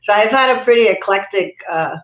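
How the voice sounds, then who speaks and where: A woman with a mid-range voice, lively intonation and a fairly quick pace speaks thoughtfully as a guest executive coach on a livestream interview. Raised in Cuba and New York City, she leans on fillers and frequent restarts; the video-call recording is echoey and phone-like.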